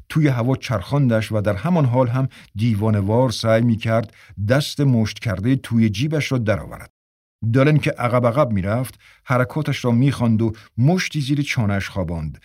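A man narrates in a measured, steady storytelling voice. His pitch sits in the middle range, and the recording is close and dry with no room echo. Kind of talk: scripted narration.

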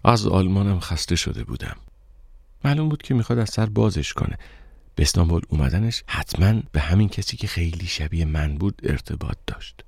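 Gravelly low-voiced male narrator. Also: lively intonation, darkish tone, no echo, studio quality. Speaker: audiobook narrator. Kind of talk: scripted narration.

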